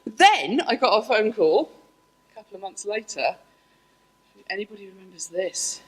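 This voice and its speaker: A middle-aged woman, a scientist, giving a lively conference talk to an audience, with self-deprecating asides. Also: mid-range voice, normal speed, slight background noise, rough recording. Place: lecture room.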